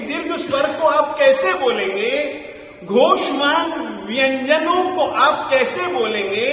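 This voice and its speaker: A man teaching pronunciation in a slow classroom lesson, spelling words out letter by letter. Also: very high voice, sharp tone. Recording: very echoey hall with long reverb.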